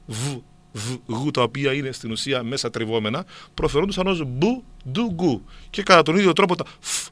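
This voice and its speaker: A man's voice: on the high side, vocal fry, pushed and bright, no room sound. A middle-aged man explaining at length to a co-host, with many hesitant fillers. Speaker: guest.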